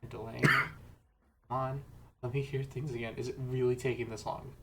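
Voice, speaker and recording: A man chatting casually with friends on a voice call through wireless earbuds, excitable and laughing, swearing often. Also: mid-range voice, brisk, vocal fry, heavy background noise. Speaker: streamer co-reading a webcomic. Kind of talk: casual group chat on a voice call.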